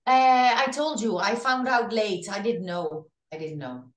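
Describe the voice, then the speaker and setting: Speaking unhurriedly in a mid-range voice, a Dutch-accented singer in her fifties chats animatedly during a casual video call interview from home. She uses an earphone headset, the audio sounds roomy, and she gestures with her hands and frequently restarts sentences.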